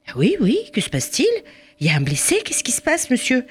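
A woman's voice: a little high, wildly swooping pitch, fairly quick, voice pushed up. A woman voicing a flustered mother busy in the kitchen, who stammers and protests. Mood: flustered, protesting. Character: flustered mother cooking for the holiday.

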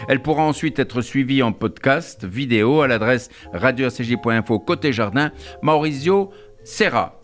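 Male radio host, formal studio introduction, some fillers, soft music bed. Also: mid-range voice. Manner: formal, reads a long guest introduction with fillers.

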